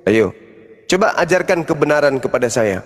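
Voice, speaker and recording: Man, heated debater, forceful and insistent, slightly high voice, long echo on the line. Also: big pitch swings, moderate pace. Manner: forceful, repetitive, raises voice to a shout.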